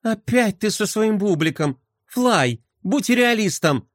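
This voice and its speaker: A sharp-tongued young girl who scoffs at superstition, pitched high and lively, as a man puts her on. Close, dry storybook narration. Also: takes it slowly, no room sound. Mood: scoffing. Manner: sharp, dismissive. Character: skeptical spunky skateboarder girl.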